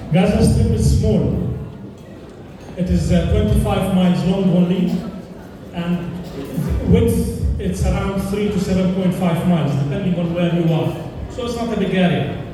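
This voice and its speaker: A man from Palestine, a doctor, giving an earnest, measured speech at a fundraising dinner, pausing often. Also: high-pitched, music in the background. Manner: earnest, measured delivery with frequent pauses and fillers. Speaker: charity dinner speaker, doctor. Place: large indoor hall. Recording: echoey hall, distant mic, noisy.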